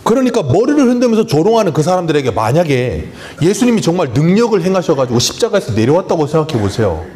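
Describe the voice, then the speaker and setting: A man's voice: a little high, very animated, quick pace, warm tone. A man preaching a Sunday sermon as pastor, emphatic and full of rhetorical questions to the congregation. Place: church sanctuary.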